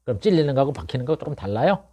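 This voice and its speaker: A middle-aged man preaching an expository sermon as pastor, talking conversationally with many rhetorical questions and swinging between low murmurs and loud, emphatic bursts. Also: sing-song, racing, slightly rough.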